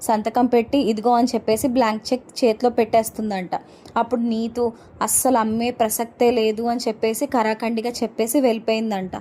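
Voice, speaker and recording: Woman voicing a worried young husband, earnest, pleading, mellow tone, no real voice change. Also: on the high side, level tone, fairly quick, lightly acted. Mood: complaining.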